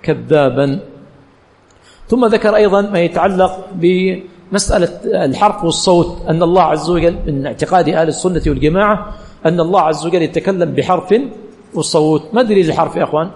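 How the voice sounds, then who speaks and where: Fast high-voiced male lecturer. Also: darkish tone, big-room sound. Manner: asks the class questions, then answers them himself; repeats key phrases for emphasis. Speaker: religious teacher. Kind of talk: classroom lecture.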